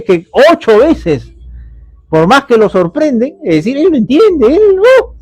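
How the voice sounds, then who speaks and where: A man's voice: high voice, a little mellow, no room sound. A male pastor giving a conversational sermon full of rhetorical questions and tag questions.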